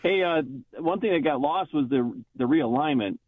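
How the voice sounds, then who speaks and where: A man's voice: on the high side, animated, moderate pace, dry recording. Man calling in over a tinny phone line. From Buffalo, New York. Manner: rambling, chatty, cheerfully trash-talking. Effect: heard over the phone. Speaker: radio call-in caller. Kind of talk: casual sports talk call.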